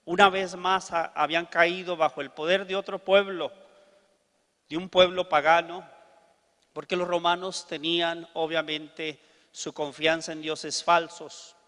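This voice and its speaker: Male preacher, high voice, lively storyteller, hall echo. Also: unhurried. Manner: animated storyteller acting out dialogue. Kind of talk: storytelling sermon.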